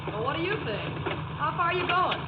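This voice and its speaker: Brash, high-voiced hitchhiker girl. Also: very animated, brisk. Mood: breezy, friendly. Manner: breezy, wisecracking, blunt. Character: brash, slangy young woman hitchhiker. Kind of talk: 1940s radio drama acting. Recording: noisy, dull old 1940s radio recording.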